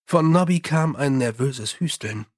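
A man reading an audiobook in an even, measured storytelling manner. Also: medium pitch. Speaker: audiobook narrator. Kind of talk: scripted narration.

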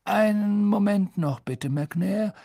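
A man voicing a calm, amused old male headmaster. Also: high-pitched, takes it slowly, vocal fry, dry recording, studio quality, voice pushed up, heavily acted. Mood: polite. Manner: calm, chuckling.

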